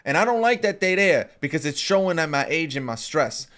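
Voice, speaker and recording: A man's voice: fairly high pitch, sing-song, brisk, a bit bright. Profane emphatic man in his thirties. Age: 30s. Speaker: podcast co-host. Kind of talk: casual podcast chat.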